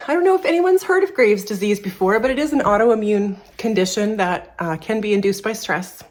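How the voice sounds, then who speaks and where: A woman's voice: mid-range voice, lively intonation, brisk. A woman in her thirties from Canada, a furniture repair shop owner, talking candidly to camera in a personal vlog, a little out of breath and rambling with restarts.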